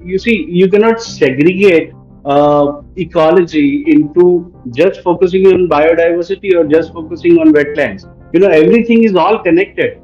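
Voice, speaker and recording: A man's voice: fairly high pitch, normal speed, lo-fi sound, soft background music. A middle-aged man with an Indian accent explaining his work earnestly as an expert on a panel.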